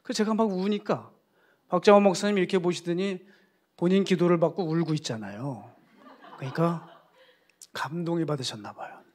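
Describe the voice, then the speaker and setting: Animated storytelling male pastor. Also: fairly high pitch, brisk, long pauses. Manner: animated storytelling, acting out quoted voices. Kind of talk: sermon.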